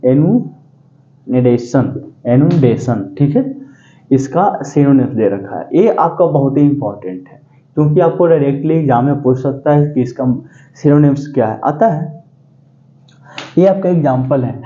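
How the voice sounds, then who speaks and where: A man teaching exam vocabulary in a lecture, repeating key words slowly and quizzing his students. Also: on the high side, mellow, highs cut off. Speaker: English teacher.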